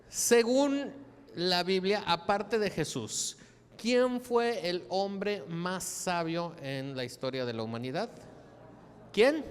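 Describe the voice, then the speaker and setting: A man preaching a lively, joking sermon, often asking the congregation questions. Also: sits high, long reverb tail. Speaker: pastor. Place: church.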